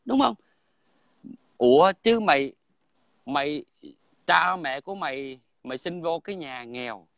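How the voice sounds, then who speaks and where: A man's voice: medium pitch, creaky, a bit bright, dry recording. A man, talking bluntly and crudely in a heated casual chat, again and again asking "right?". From Vietnam. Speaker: guest in online livestream chat.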